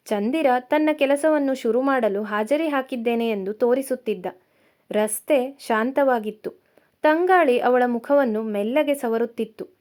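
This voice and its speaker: A woman narrating a romance story in a calm, measured storytelling manner. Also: on the high side.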